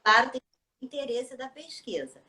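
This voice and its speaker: A woman's voice: high voice, expressive, normal speed, a crowd in the background. A woman teacher, patiently explaining in a casual live interview and often ending with tag questions. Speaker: teacher and children's book author.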